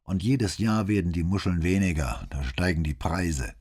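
A blunt fisherman stating hard facts with resignation , voiced by a man reading an audiobook. The voice is very deep and husky, with a dark tone. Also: expressive, moderate pace.

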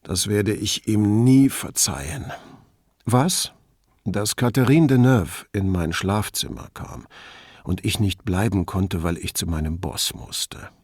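A man's voice: fairly low pitch, slow pace, a little mellow, breathy edge, no room sound, full character voice. A man reading a dry, ironic police commissioner.

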